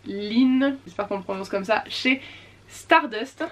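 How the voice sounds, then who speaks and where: A woman's voice: medium pitch, slow. A woman chatting casually about her latest book purchases, with many fillers and self-corrections. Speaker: book vlogger. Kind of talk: casual book haul chat.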